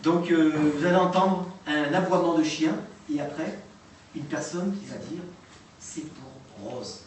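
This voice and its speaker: A man giving a public talk and playing recordings, speaking haltingly with many fillers and restarts. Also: a little high, steady tone, a little hiss or hum. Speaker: lecturer. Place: lecture room. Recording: echoey hall recorded from far off.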